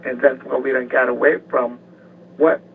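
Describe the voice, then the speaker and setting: A man's voice: mid-range voice, fairly even intonation, vocal fry. Rambling man calling into a radio show. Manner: rambling, halting, with many restarts. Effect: call-in voice heard over the phone line on air. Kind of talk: call-in talk radio. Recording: distant phone-in line with faint hiss.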